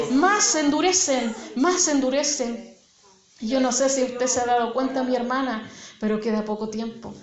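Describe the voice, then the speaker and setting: High-voiced woman preacher, earnest sermon, congregation around her. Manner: earnest, addresses listeners as sister. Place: church. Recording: echoey church hall, dull sound, congregation.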